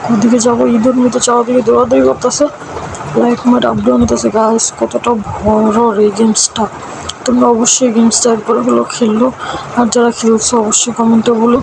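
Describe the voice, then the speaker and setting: A scared, excited horror game streamer, commenting on play and urgently repeating words. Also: mid-range voice, fast, creaky, noisy background. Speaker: gaming streamer. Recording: music under the voice.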